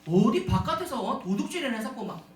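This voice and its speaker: A man's voice: very high voice, sing-song, slight background noise. A man putting on his stern father exasperatedly scolding his son for stealing, recorded in an echoey hall from a distance. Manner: exasperated, rapid rhetorical scolding.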